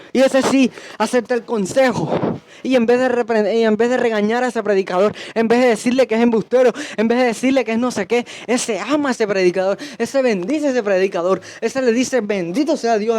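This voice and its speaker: A man's voice: extremely high pitch, darkish tone, no echo. A young man preaching a stern sermon, hammering his points with repeated commands.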